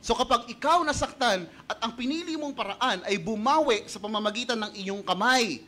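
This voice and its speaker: A Filipino-accented male pastor delivers an animated sermon in a notably high, ringing voice. He moves easily between Tagalog and English, stressing points and tossing rhetorical questions to the congregation. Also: normal speed. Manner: animated and emphatic, punctuating points with rhetorical "Okay?"; switches between Tagalog and English mid-sentence.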